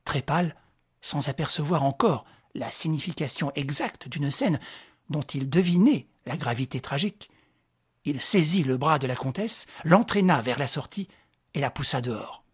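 A reader narrating a classic novel as an audiobook, in even, measured storytelling. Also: medium pitch, husky.

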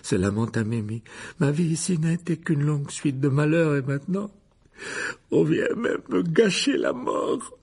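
A man's voice: a little high, expressive, vocal fry, darkish tone, breathy edge, voice pushed up, exaggerated voice. A man voicing a weepy, self-pitying ghost girl who sobs and draws out her words. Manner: sobbing, slow and drawn-out.

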